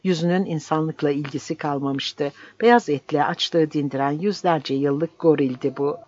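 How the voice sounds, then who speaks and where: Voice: medium pitch, moderate pace, darkish tone, dry recording. Dry, intense audiobook narrator. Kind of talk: dramatic literary narration. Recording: dry, slightly dull audiobook recording.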